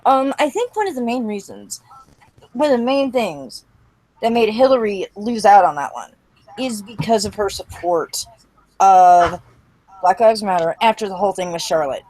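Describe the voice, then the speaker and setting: A woman co-hosting a casual live-streamed talk show, exasperated and animated, often restarting her sentences. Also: medium pitch, normal speed, poor audio. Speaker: podcast co-host. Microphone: headphones and computer mic.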